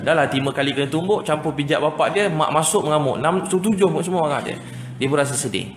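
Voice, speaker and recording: A man's voice: a little high, fast. A man with a Malaysian Malay accent preaching, telling family stories and acting out the voices of parents and children. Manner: storytelling, acts out family voices. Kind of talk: sermon with anecdotes. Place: mosque lecture hall. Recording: echoey hall with faint noise.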